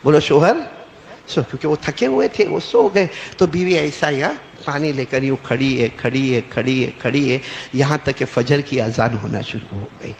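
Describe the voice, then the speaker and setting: Gravelly high-voiced male preacher in echoey hall. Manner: call-and-response, prompting listeners with "bolo"; repetitive, emphatic storytelling. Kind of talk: storytelling sermon. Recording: echoey hall with faint noise.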